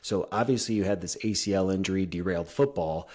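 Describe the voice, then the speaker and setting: Low-voiced enthusiastic male podcast host. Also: fast talker, a little mellow. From upstate New York. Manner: enthusiastic, chatty with fillers. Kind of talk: casual podcast interview.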